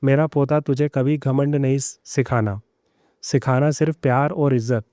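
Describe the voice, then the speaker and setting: A man voicing a proud, bitter older mother-in-law who softens, speaking in a sharp scolding way. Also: medium pitch, fairly even intonation, moderate pace, no room sound, studio quality, close to an everyday voice. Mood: tender.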